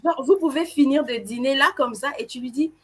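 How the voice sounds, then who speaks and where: A woman from Cameroon co-hosting a live event, telling stories to the audience in a playful, animated way. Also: high voice, a little fast. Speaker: event co-host. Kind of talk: casual presenting to an audience.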